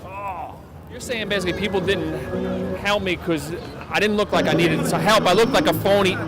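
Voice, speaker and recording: A man's voice: high-pitched, moderate pace, loud music behind the voice, over a noisy crowd. A man hosting and reporting from the field in a wisecracking, upbeat comic style.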